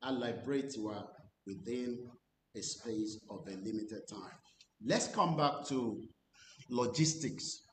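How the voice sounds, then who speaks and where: A man giving earnest commentary, switching between English and Yoruba. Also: slow. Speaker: channel host. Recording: echoey room with faint rumble.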